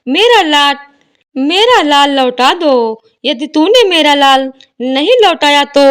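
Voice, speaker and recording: A woman voicing a devout old mother pleading with a goddess over her lost son. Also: high-pitched. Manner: lamenting, pleading.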